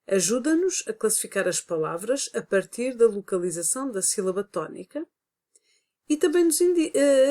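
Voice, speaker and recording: A woman's voice: lowish voice, darkish tone. A woman teacher with a European Portuguese accent, explaining a grammar lesson step by step with frequent hesitant fillers. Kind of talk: recorded online lesson.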